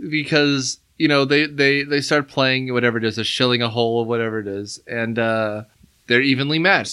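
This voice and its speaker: A man's voice: mid-range voice, bright, forceful tone. A man co-hosting a casual film discussion podcast, talking enthusiastically and rambling with restarts. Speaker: podcast co-host.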